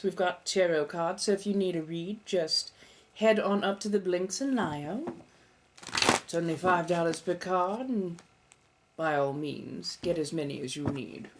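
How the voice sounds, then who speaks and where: Playing an ancient vampire empress who is also a tarot witch, this livestream host chats in character with her viewers, her lowish voice welcoming and coaxing. She puts on a posh British accent, theatrical and coy, drawing out her terms of endearment over a noisy background.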